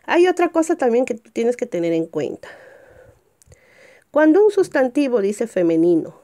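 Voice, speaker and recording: A woman teacher giving a recorded grammar lesson. She asks rhetorical check questions, slows down to stress example words and jumps up in pitch at each new point. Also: sing-song, warm tone.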